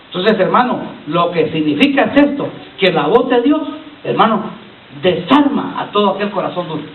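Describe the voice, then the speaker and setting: A man delivers a sermon, calling out for the congregation to repeat after him. His voice sits unusually high. The recording is echoey, distant and thin, like a phone line, with faint hiss. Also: big pitch swings, moderate pace. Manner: preachy, calls on the congregation to repeat lines; keeps addressing listeners as brother. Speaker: pastor. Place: church hall. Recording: echoey far-off church recording over a lo-fi line.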